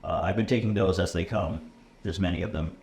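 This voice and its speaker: A computer science instructor, an American man in his thirties from the USA whose first language is English, talks a little fast in a low, darkish voice. His relaxed conversational interview is casual, with many ums and uhs and frequent "okay?" check-ins. The room adds echo and faint noise.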